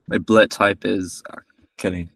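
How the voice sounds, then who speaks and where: A man's voice: low-pitched, fairly even intonation, measured pace, creaky, a bit bright, breathy edge, no room sound, recorded from a distance. Rambling young man from Malaysia. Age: 20s. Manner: rambling, self-correcting, joking. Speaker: podcast guest. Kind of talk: casual chat.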